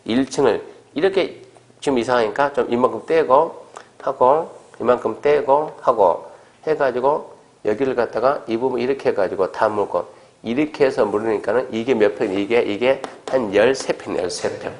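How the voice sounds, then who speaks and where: A man's voice: mid-range voice, moderate pace. A male lecturer giving an exam-prep lecture in a conversational way, acting out little exchanges as he explains. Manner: conversational, acts out quoted exchanges.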